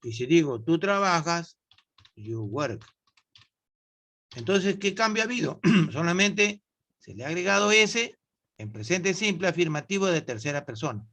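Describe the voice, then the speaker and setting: A man teaching English in to an online class, with a slow, patient way of explaining and frequent questions to his students. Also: a little high, expressive, a bit bright.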